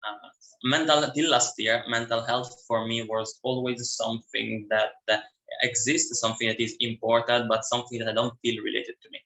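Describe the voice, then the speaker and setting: Brief: young Italian man, student guest, accented English, bright tone, hesitant delivery. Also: medium pitch, level tone, moderate pace, roomy sound, poor audio. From Italy. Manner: hesitant, many fillers and restarts. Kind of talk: casual interview talk.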